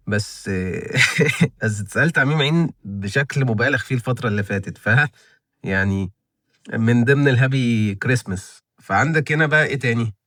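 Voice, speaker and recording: A young Egyptian man in his twenties talks to his viewers at a quick clip, chatty and rambling. He thinks aloud, circling back and repeating words as he goes. His voice sits at an ordinary middle pitch. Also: a bit bright. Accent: Egyptian Arabic. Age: 20s. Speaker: channel host reviewing license plate auctions. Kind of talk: casual commentary to viewers.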